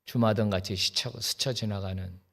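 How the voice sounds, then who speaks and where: A man's voice: lowish voice, fairly even intonation, normal speed, a bit bright. A middle-aged man, a pastor preaching a sermon in a church, telling a personal story and acting out the quoted voices with bursts of emotion. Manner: storytelling with acted-out quotes, rising to emotional outbursts. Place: church sanctuary.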